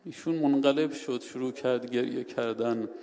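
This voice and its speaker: A man telling a story in a sermon, shifting between hushed and loud, dramatic delivery. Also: mid-range voice, steady tone, creaky. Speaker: preacher. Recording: hall reverb with faint ambient noise.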